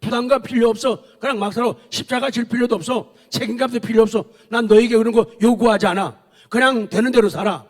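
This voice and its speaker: A man's voice: very high-pitched, steady tone, fast talker. A man preaching who voices a scornful, coaxing devil tempting a believer. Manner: taunting, coaxing. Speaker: pastor. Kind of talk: sermon.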